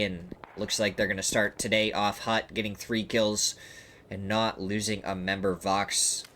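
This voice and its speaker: A man with a fairly low, stuffed-up voice, as if his nose is blocked, calls an esports match live. He is an excitable play-by-play commentator who follows the action closely. There is clear noise behind him. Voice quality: congested, blocked-nose sound. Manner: excitable, voice leaps high and loud at big moments.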